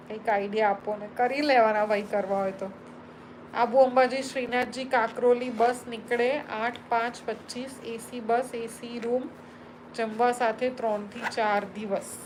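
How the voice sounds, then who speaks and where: A woman's voice: fairly high pitch, level tone, unhurried, darkish tone, slight background noise, poor audio. A Gujarati woman hosting a live stream, chatting casually as she reads viewer comments aloud and answers them one by one. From Gujarat, India.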